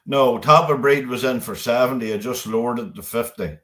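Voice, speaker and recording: A man co-hosting casual live commentary, relaxed and agreeable, often giving short replies. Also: medium pitch, fairly quick.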